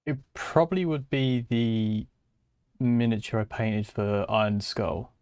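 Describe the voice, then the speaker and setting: A man's voice: fairly low pitch, fairly even intonation, unhurried, a little mellow, smooth, no echo, studio quality. A man chatting on a podcast, hesitant with many restarts. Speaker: podcast co-host. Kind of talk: casual chat.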